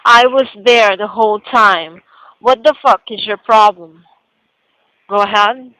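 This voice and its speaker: A woman working as a relay operator, reading typed messages aloud in a flat, scripted way. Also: mid-range voice, a little slow, dry recording, rough recording. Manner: flat, scripted reading, even when the words are rude.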